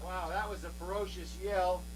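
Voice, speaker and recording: A man performs as a kids' party magician in a fairly high-pitched voice. He presents each trick with theatrical patter and coaxes the audience along with counts. The amateur home video has a clear hum and noise over it. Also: little pitch movement, moderate pace. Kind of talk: magic show patter for children.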